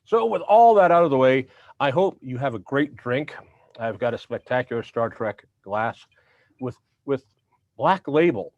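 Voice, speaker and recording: A man's voice: mid-range voice, lively intonation, moderate pace, a little mellow, no room sound. A man hosting a casual, humorous show, his speech slurred as if half his mouth were numb. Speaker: host, institute president. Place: online video call show. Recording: dull, lo-fi sound.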